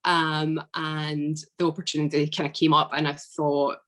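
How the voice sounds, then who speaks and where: Her voice is low and her speed is normal as she talks on a podcast as a guest. She's a young woman from Scotland in her twenties, relaxed and chatty in this casual interview, using many fillers.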